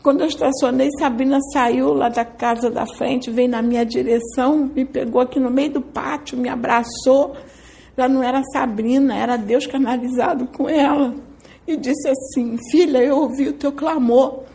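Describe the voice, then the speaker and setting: A woman's voice: high voice, steady tone, moderate pace, vocal fry, warm tone. A woman with a Brazilian Portuguese accent giving a heartfelt personal religious testimony, telling it emotionally and often restarting her sentences. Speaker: speaker giving a faith testimony.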